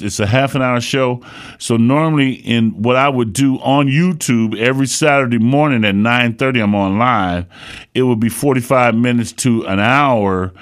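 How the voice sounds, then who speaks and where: A man with a medium-pitched voice preaches on his own recorded teaching show. He talks in a loose, conversational way, repeats key phrases for emphasis and often asks listeners to say them back with him. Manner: conversational with fillers and restarts. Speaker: apostle and prophet, show host.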